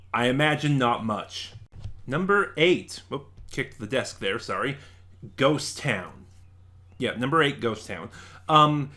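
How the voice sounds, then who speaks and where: A man from Nevada, United States, hosts a review channel, giving casual, opinionated ranking commentary with an informal, emphatic delivery. He has an American accent and a medium-pitched, fairly bright voice.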